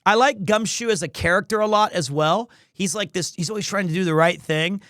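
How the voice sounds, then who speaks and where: A man's voice: high-pitched, brisk, a bit bright, no room sound, studio quality. A man hosting a livestream, chatting casually with viewers in a rambling, playful way. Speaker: livestream host, amateur voice actor. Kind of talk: casual chat with stream viewers.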